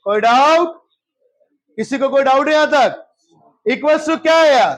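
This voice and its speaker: A man's voice: very high voice, measured pace, a bit bright. A male math teacher, lecturing a class in geometry, often repeating questions and checking whether anyone has doubts, and mixing English terms into his speech. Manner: mixes English terms into Hindi.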